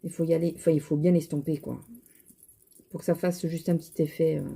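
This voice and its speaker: A woman with a regional French accent chats to camera about her shopping haul, rambling and restarting her sentences. Her voice sits a little low and has a mellow, soft tone. She sounds tired. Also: level tone, a little fast, gravelly, slightly rough. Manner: chatty, rambling, many fillers and restarts. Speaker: vlogger showing shopping haul and makeup. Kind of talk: casual chat to camera.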